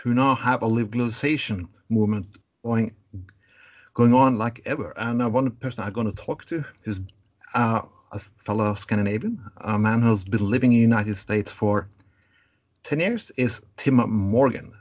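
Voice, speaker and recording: A man whose first language is Norwegian, hosting a podcast in a casual, relaxed way. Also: medium pitch, moderate pace, lo-fi sound. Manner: relaxed, conversational, laughs easily. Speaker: podcast host.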